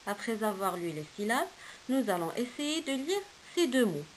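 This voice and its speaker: A woman's voice: on the high side, very animated, normal speed, a little hiss or hum, rough recording. A woman teaching a kindergarten reading lesson, patiently sounding out letters and syllables one by one and praising the children.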